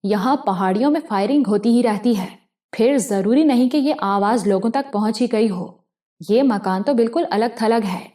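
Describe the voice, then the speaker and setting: A woman voicing a desperate young woman in a criminal gang, tearful and near breaking, who turns to frantic shouting. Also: on the high side, close to an everyday voice. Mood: dazed. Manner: tearful, then screaming in a frenzy.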